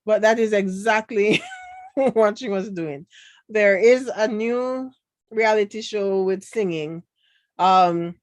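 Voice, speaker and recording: A woman's voice: mid-range voice, no echo. A woman with a Jamaican accent giving casual live-stream commentary, chatty and opinionated, laughing often as she answers viewers' comments. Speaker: commentary vlogger reading live chat.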